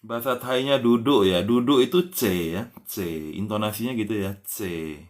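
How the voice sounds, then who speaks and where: Low-voiced man teaching slowly, word by word. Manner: patient, drawls example words slowly and spells them letter by letter; ends nearly every phrase with a soft "ya". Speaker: language teacher. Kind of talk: casual live-stream lesson.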